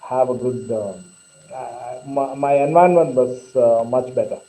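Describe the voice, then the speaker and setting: A man talking on a video call through his laptop's webcam microphone, hesitant and filling pauses as he hosts the meeting. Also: mid-range voice, dark tone, poor audio. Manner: hesitant, with many fillers. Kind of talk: casual video-call chat.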